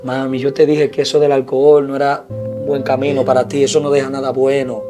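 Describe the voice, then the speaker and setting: An actor gives a grown son who is done with his mother's drinking, firm and scolding at first, then soft and forgiving. His voice is mid-pitched. Music plays behind him in this moral drama. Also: flat delivery, fairly quick, close to an everyday voice. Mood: tender. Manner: stern, then gently preaching. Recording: background music.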